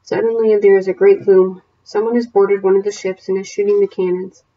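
A woman teacher reads a novel aloud to her class and then sets homework questions, her voice steady and plain with small self-corrections. Her pitch is medium and her pace brisk, and the audio sounds dull.

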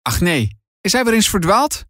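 A man's voice: high-pitched, very animated, normal speed, fairly bright tone, no echo, studio quality, voice pushed up. A man voicing a caring, worried mother in a storybook reading, concerned but firm.

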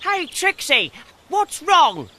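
A woman voicing a small excitable dog in a children's textbook audio story, worried and childlike. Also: very high voice, slow, pitched above the performer's own voice, heavily acted.

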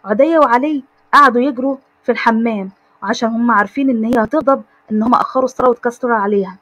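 A woman with an Egyptian accent narrating an animated story and addressing viewers. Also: fairly high pitch, very fast, husky. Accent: Egyptian Arabic.

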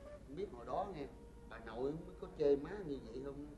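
A performer playing an exasperated adult son in a comedy sketch, who teases and argues with his mother, using quick comebacks in a Southern Vietnamese accent. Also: medium pitch, over music, natural voice. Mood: arguing. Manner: teasing, arguing, quick comebacks.

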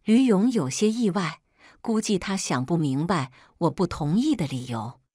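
Low-voiced woman narrating a story. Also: no echo, studio quality. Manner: steady, measured reading. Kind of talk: first-person scripted story narration.

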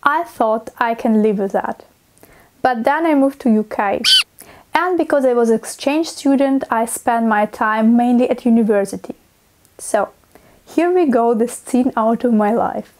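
A young woman with a Russian accent hosts her own vlog, speaking in a fairly high voice. She talks from a script but stays expressive, acting out little scenes as she goes. The sound is close and clean, from a small clip-on mic in a small room. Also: unhurried. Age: young adult. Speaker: vlogger. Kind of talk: scripted talking-head vlog. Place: small dim room indoors.

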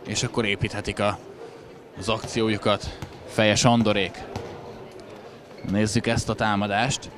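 A man's voice: lowish voice, little pitch movement, pauses often. A man doing chatty live handball commentary with wry asides. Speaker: sports commentator. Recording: crowd noise in sports hall. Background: crowd in a sports hall.

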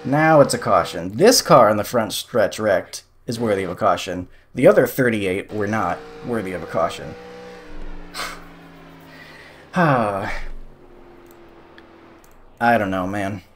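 A man's voice: lowish voice, expressive, slow, long pauses, a little hiss or hum. A young man giving casual, sarcastic commentary over a sim racing replay, exasperated at the calls.

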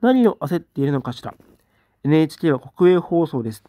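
A man in a casual livestream, reading out viewer comments and giving short, relaxed replies. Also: on the high side, fairly quick, dry recording. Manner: relaxed, reads comments aloud with brief replies.

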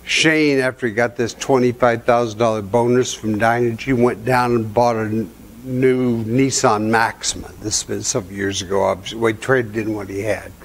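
An older man presents at a conference to a seated audience, moving from practical advice into folksy family anecdotes. He talks in a relaxed storytelling way and chuckles at his own punchlines. His voice sits at an ordinary middle pitch, picked up by a lapel mic in a hotel meeting room. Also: normal speed, vocal fry, hardly any pauses, slight background noise. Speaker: seminar presenter.

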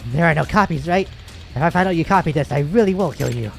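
A man's voice: on the high side, lively intonation, quick pace, creaky, soft background music. A man voicing a menacing, cocky young male thug in a video game. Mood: threatening.

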